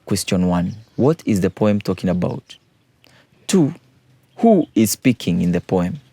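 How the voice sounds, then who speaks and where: A man's voice: low-pitched, big pitch swings, measured pace, gravelly, warm tone, no echo. A man, a teacher patiently explaining poetry exam questions and repeating key points.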